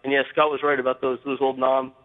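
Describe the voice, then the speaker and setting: Talking fast in a totally flat, medium-pitched voice, a man phones in to a radio program and speaks earnestly, often restarting and using fillers. It sounds like an on-air call-in line: tinny, with a long reverb tail.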